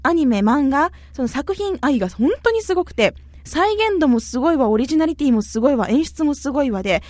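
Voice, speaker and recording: A woman with a Kyushu Japanese accent hosts a casual radio show, reading out listener mail with a playful, chatty manner. Her voice sits a little high. The recording is dry and close, with no room sound. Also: lively intonation, brisk, darkish tone, dry recording. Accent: Kyushu Japanese dialect. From Kumamoto, Japan. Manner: playful, chatty, often slips into dialect.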